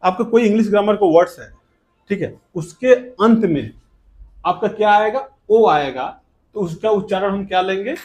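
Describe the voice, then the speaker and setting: Hindi-accented male teacher with a high voice. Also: animated, normal speed, a little mellow. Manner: asks rhetorical questions and answers them himself. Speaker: English teacher. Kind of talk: classroom lesson.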